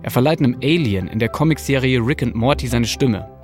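A man's voice: mid-range voice, expressive, a little fast, darkish tone, soft background music. A man hosting a podcast, delivering scripted narration with casual asides and informal slang peppered with English loanwords. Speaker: podcast host, journalist.

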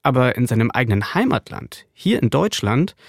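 A man's voice: mid-range voice, big pitch swings, normal speed, creaky, slight background noise. A man hosting a podcast, delivering scripted narration with casual asides and informal slang peppered with English loanwords. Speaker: podcast host, journalist.

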